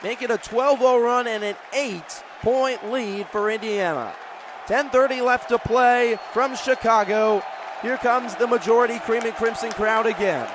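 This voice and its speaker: The announcer's voice is extremely high and his pace measured. An American doing radio play-by-play courtside in a large indoor arena, he describes the basketball action in clipped phrases while the crowd, faint arena noise, and a bouncing ball sound around him.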